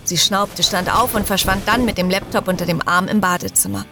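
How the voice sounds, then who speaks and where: A woman narrating a fantasy story in a steady, expressive reading voice. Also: medium pitch, brisk, over music. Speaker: audiobook narrator.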